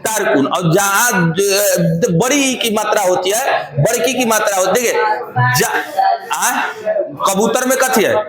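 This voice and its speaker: A man's voice: high voice, unhurried, roomy sound, music in the background. A man teaching grammar in a classroom lecture, repeating phrases and quizzing his students.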